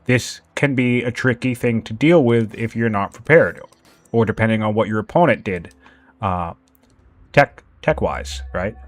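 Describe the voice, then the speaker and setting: A man casting a strategy game tournament in a relaxed, joking way, chuckling and teasing with light sarcasm. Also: on the low side, a little slow, dry recording. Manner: jokey, laughs often, playfully sarcastic. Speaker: tournament caster. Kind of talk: casual game commentary.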